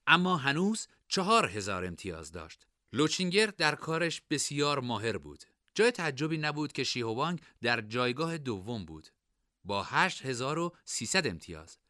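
A man narrating a novel as an audiobook, with expressive, varied storytelling. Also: medium pitch, no room sound, studio quality. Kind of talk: scripted narration.

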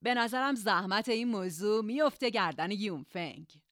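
A man voicing a calm, scheming gang leader in an audiobook, talking cool and composed. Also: high voice, no room sound, clean studio sound, voice pushed up. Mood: commanding. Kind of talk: audiobook character reading.

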